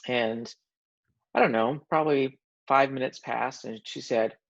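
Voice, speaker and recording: A man recounts a personal story in a relaxed conversation, his mid-pitched voice carrying a gravelly fry. He talks with a joking, animated edge and often trips over and restarts his sentences. The recording sounds dull and lo-fi. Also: unhurried. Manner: animated, self-described funny guy, frequent restarts. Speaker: guest sharing a personal story.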